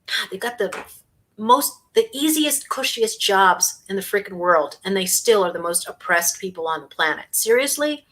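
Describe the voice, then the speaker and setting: A woman hosting a casual livestream in a bright, sharp voice. She talks with biting sarcasm and scorn. She sometimes chews on food between remarks. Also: medium pitch, animated, normal speed. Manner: eating while talking. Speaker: host.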